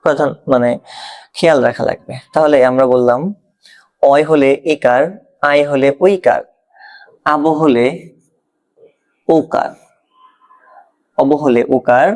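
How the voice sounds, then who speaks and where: Speaking slowly with frequent pauses, a man with a Bangladeshi Bengali accent walks a learner through an exam-prep grammar lesson one step at a time, often asking whether they follow. His voice is mid-range and a little mellow.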